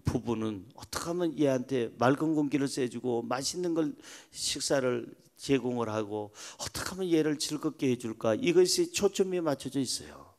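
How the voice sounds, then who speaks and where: A pastor preaching a sermon emphatically, moving between soft asides and loud exclamations. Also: male voice, medium pitch, lively intonation, moderate pace, few pauses.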